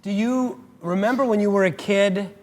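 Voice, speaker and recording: A male host interviewing a guest, asking gentle, encouraging questions. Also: high voice, moderate pace, in a large hall. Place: fitness studio.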